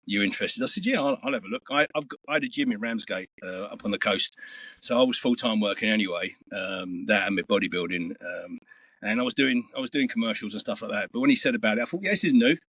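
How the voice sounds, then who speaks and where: A man's voice: on the low side, quick pace, fairly bright tone, husky, no room sound. A middle-aged man, telling stories in a rambling, earthy way as an interview guest. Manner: rambling, earthy storytelling with swearing. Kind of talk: casual interview chat.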